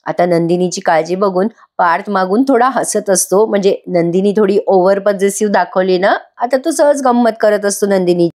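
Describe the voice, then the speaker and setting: A woman gives a chatty voice-over recap of a serial episode and speaks directly to her audience. Her voice sits at a middle pitch and sounds plain and conversational. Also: moderate pace, few pauses, darkish tone. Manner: chatty, addresses viewers directly. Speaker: TV serial reviewer.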